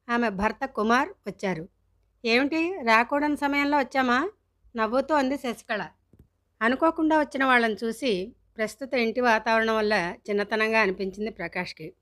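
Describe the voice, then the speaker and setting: A woman storyteller reading a scripted story in a calm, expressive way. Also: fairly high pitch.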